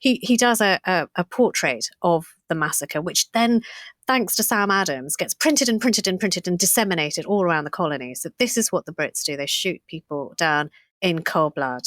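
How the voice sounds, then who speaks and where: Woman, podcast co-host, lively history storyteller, lowish voice, dry close sound. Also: normal speed, no room sound. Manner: lively, animated storytelling with many restarts.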